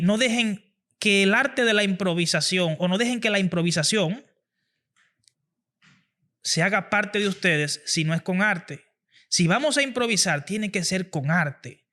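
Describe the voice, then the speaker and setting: A man's voice: high-pitched, pushed and bright. A man hosting a podcast, giving an earnest motivational talk on public speaking and repeating phrases for emphasis. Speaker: podcast host.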